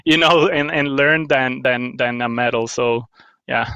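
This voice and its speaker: A man's voice: medium pitch, a little slow, bright, forceful tone, clean tone, dry recording. A man talks casually as a guest over a slightly dull, lo-fi remote line. His voice sits mid-range, and the sound is dry and close. He rambles, restarts often, and laughs at himself. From Guatemala. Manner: rambling, with many restarts and self-deprecating laughs. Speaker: guest, paddle company owner. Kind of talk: casual interview chat.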